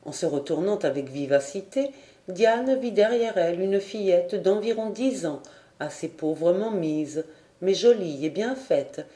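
A woman reading a classic storybook aloud in a calm, measured narration. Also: medium pitch. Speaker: audiobook reader. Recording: roomy echo.

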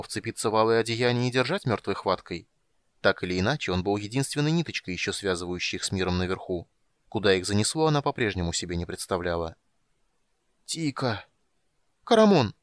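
A man narrating an audiobook in a measured, expressive reading on a close mic. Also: lowish voice, no echo.

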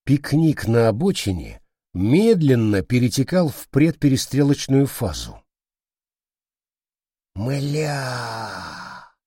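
Male audiobook narrator, slow, very animated delivery, dry close sound. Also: mid-range voice, no echo. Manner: slow, very expressive. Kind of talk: scripted narration.

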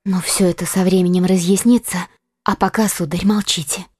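A woman's voice: fairly low pitch, steady tone, brisk, a little mellow, no room sound, studio quality, close to an everyday voice. A woman playing a young, frightened, secretive woman in an audiobook, speaking in a pleading, evasive way. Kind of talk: audiobook acting.

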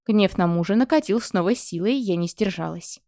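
A woman narrating a first-person audiobook in an expressive, lively storytelling manner. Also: medium pitch, a little fast, no room sound, studio quality.

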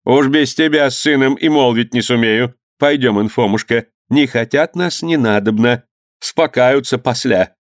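A man voicing an old peasant-era mother who wails and grumbles crossly, in a drawn-out lament style. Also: mid-range voice, dry recording, clean studio sound, lightly acted. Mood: grumbling. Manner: wailing folk lament, drawn out. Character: old woman, wailing grieving mother, cross.

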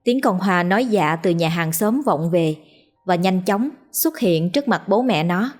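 A woman narrating a ghost story in a steady, dramatic reading voice. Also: fairly low pitch, unhurried, faint music behind.

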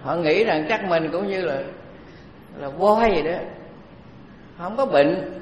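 A man giving a Buddhist dharma talk, unhurried and conversational, with many pauses. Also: sits high, a little hiss or hum. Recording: echoey hall, faint background ambience.

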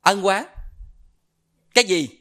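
Southern Vietnamese monk giving a dharma talk. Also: male voice, sits high, slow pace, bright, forceful tone. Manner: storytelling, quizzes the audience with questions. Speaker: Buddhist monk.

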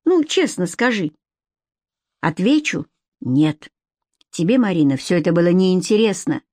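A woman's voice: lowish voice, big pitch swings, unhurried, dark tone, no echo, clean studio sound. A woman reading the part of a domineering middle-aged male TV boss in an audiobook, lecturing and mocking. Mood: condescending.

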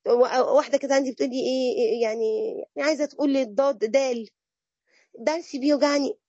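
A woman with an Egyptian accent giving a religious lesson to women, lively and mixing classical phrases with colloquial chat. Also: high voice, fast talker, no room sound, lo-fi sound. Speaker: religious teacher.

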